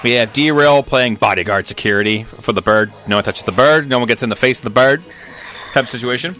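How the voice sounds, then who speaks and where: Bright-voiced male game master. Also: mid-range voice, a little fast. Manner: loose, rambling, many restarts. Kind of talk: narrating a tabletop game.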